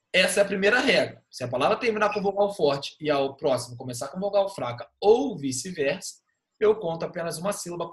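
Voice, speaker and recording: A man's voice: on the high side, fairly bright tone. A man with a Brazilian Portuguese accent, teaching an online class and patiently checking that the students are following. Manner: patient, checks understanding with frequent "tá bom?".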